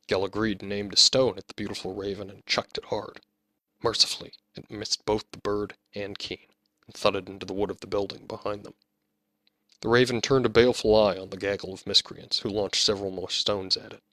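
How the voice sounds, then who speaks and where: A man narrating his own fantasy novel as an audiobook, reading in a measured storytelling manner. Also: lowish voice, pushed and bright, no room sound.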